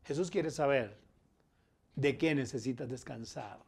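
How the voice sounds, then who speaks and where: A middle-aged man with a Colombian accent preaching a sermon as pastor, his loudness rising and falling as he presses his points. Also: mid-range voice, unhurried, gravelly, breathy edge. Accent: Colombian Spanish.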